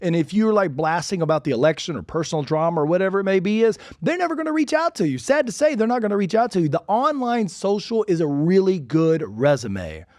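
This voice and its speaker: A man hosting a real estate podcast, talking in an energetic, chatty way full of asides. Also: sits high, fast talker, hardly any pauses, dry recording, clean studio sound. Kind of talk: casual instructional podcast talk.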